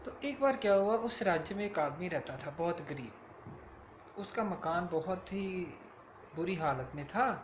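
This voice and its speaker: A man's voice: high-pitched, lively intonation, a little slow, reverberant, a little hiss or hum. A man telling his young daughter a bedtime story in a casual, explaining way. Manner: casual, explains to the child as he goes.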